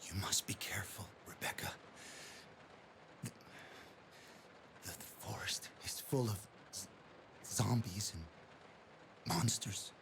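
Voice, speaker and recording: A low, slow male voice of a badly wounded comrade in a video game, weak and breathy as he struggles to get words out. Noisy ambience surrounds him. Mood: dying, fearful. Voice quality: breathy, gravelly, failing voice. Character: gravely wounded male comrade giving a warning. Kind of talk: video game cutscene acting.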